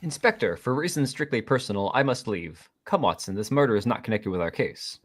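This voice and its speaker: A man's voice: on the low side, animated. A man reading Data as a deductive Holmes. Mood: explaining. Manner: measured, explanatory delivery. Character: male android detective playing Sherlock Holmes, coolly deductive. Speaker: table-read performer. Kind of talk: live script table read.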